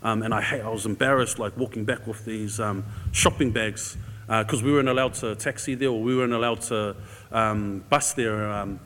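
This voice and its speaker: Guest-speaking at a church, a man from New Zealand who grew up in Auckland shares a personal story in a casual, conversational, somewhat hesitant way. His voice sits on the low side, with fairly even intonation, normal speed, and a fairly bright tone. The large indoor church hall gives long, echoing reverb.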